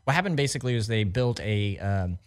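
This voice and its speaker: A man's voice: lowish voice, animated, brisk, smooth. A man co-hosting a podcast, telling loose, rambling stories in casual chat. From Missouri, US. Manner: laid-back rambling storyteller. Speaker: podcast co-host.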